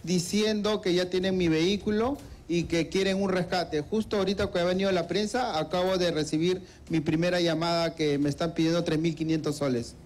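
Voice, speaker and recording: A Peruvian man in his thirties, a crime victim, is interviewed on the street outdoors, speaking into a reporter's handheld mic hesitantly and with fillers. His high-sitting voice is steady and a little fast with hardly any pauses, over slight background noise.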